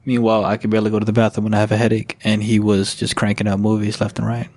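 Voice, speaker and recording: A man's voice: on the low side, completely flat delivery, racing, darkish tone. A man co-hosting a casual podcast, rambling, joking and swearing freely. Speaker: podcast co-host. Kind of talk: casual chat.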